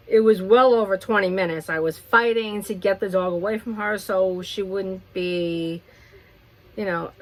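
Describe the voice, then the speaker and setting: A woman beauty vlogger telling a rambling, animated story while doing her makeup. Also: medium pitch, low-quality recording. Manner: rambling, animated retelling with restarts. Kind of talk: chatty get-ready-with-me storytime.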